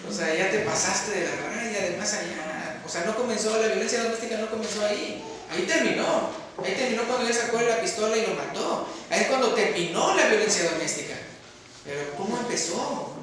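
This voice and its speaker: A man's voice: high-pitched, normal speed, background noise. A man from Mexico preaching a sermon, emphatic, asking the congregation questions and answering them himself. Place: church hall. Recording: very echoey hall, mic far off.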